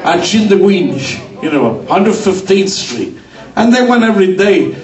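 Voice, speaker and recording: A man's voice: sits high, big pitch swings, a little slow, darkish tone. A man telling a comic story on stage and mixing dialect into broken English. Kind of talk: stand-up storytelling. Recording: roomy sound from a distant mic.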